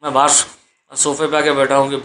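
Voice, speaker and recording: A man's voice: medium pitch, completely flat delivery, moderate pace, pushed and bright, a little hiss or hum. A man vlogging at home in a preachy monologue, repeating himself and firing off rhetorical questions. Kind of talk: exhortative monologue. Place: sitting on a sofa at home.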